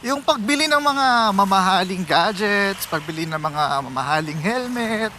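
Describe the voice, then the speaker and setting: A Filipino motorcycle vlogger rides through city roads outdoors, chatting casually with viewers and mixing in English phrases. His high-pitched voice is pushed and bright, with lively intonation at normal speed, and there's a little hiss or hum.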